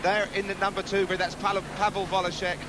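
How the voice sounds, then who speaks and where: A television sports commentator presents live speedway from an outdoor stadium commentary position, delivering punchy, colourful broadcast patter. His high voice is fast and level in tone, with background noise, in a 1970s outdoor stadium TV broadcast.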